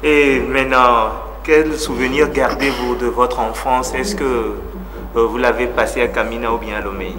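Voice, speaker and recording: A man hosting a television interview, speaking in a measured, formal way whose phrases trail off quietly. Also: medium pitch, steady tone, a crowd in the background. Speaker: TV host.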